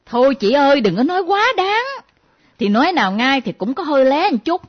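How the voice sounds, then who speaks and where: A woman's voice: high-pitched, fairly quick. A woman doing a nosy, teasing younger friend. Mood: mocking. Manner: teasing, lively, mimicking. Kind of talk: comedy sketch acting. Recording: dull lo-fi recording.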